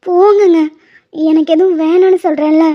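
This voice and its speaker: A woman's voice: very high voice, steady tone, normal speed. A woman voicing an anxious pregnant young wife in a cartoon drama, talking in a pleading, worried way. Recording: dull lo-fi sound.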